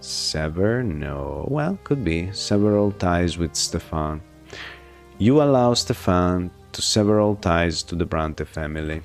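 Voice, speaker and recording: A man's voice: sits low, lively intonation, measured pace, soft background music. A man streaming, reading a narrative game aloud with his own commentary and musing over how words are pronounced. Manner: muses aloud over word pronunciation.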